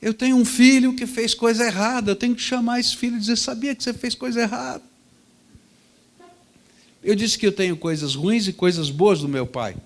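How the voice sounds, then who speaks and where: A man's voice: high voice, fairly quick, few pauses. Man preaching through a vivid story. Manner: vivid storytelling, swings between loud and soft. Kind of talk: storytelling sermon. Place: church.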